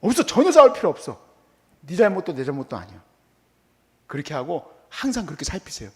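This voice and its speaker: A middle-aged male pastor giving a conversational, animated sermon in a church, often acting out quoted remarks. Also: sits high, fast talker. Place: church hall.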